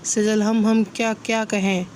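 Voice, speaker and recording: A woman's voice: mid-range voice, flat delivery, measured pace, slight background noise, natural voice. Woman reading a shy young bride-to-be. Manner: hesitant, soft-spoken.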